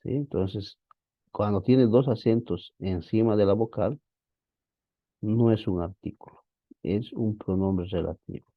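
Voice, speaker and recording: A man's voice: on the low side, unhurried, no room sound, dull audio. A man teaching a biblical Greek class online, explaining patiently and calling his students brothers.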